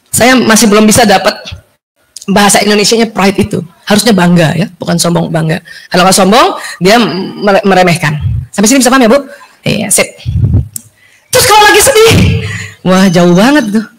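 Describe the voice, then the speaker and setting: A woman giving a lively religious talk to an audience of women, acting out quoted dialogue and laughing often. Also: medium pitch, fairly quick, long pauses, poor audio. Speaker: religious lecturer.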